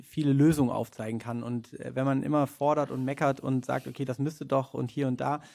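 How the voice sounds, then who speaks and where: A man speaks as a guest on a podcast, with a gravelly, mid-pitched voice. He talks hesitantly, filling pauses and restarting sentences as he explains his points. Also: level tone, a little mellow. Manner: hesitant, many filler sounds and restarts. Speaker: podcast guest, head of a nonprofit. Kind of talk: podcast conversation.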